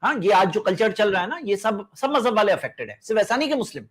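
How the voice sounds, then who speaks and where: Insistent high-voiced man debating. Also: sing-song. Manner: insistent, repeats rhetorical questions. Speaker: debate host. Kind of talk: heated live debate.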